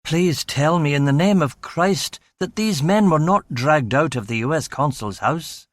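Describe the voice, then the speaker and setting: A man's voice: a little high, measured pace, dry recording, close to an everyday voice. A man voicing an exasperated, blustering senior police chief.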